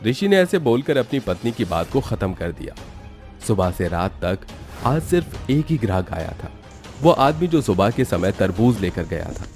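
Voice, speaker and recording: In a fairly low voice with lively, swinging intonation, a man tells a scripted horror cartoon story at a moderate pace. His delivery is dramatic, like a storyteller's, and faint music plays underneath.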